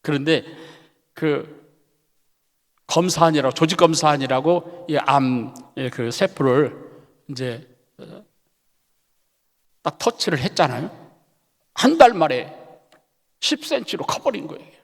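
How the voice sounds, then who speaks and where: A man's voice: fairly high pitch, lively intonation, slow pace, gravelly, pauses often. A man preaching a Sunday sermon as pastor. He tells a story animatedly and keeps checking in with the congregation. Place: church sanctuary. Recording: long church hall reverb.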